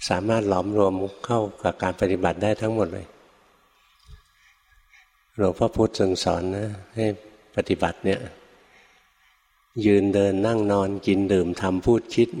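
Monk teacher, fairly low male voice, folksy storyteller addressing the audience, long hall echo. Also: mellow. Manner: folksy storytelling with rhetorical questions to listeners. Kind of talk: dhamma talk to a live audience.

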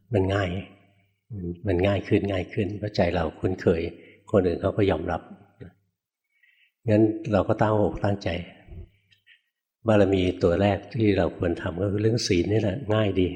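Low-voiced older monk giving a folksy sermon. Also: male voice, a little mellow. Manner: plain-spoken, folksy, chuckles at his own stories; asks the listeners questions. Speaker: Buddhist monk teaching. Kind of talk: dharma talk.

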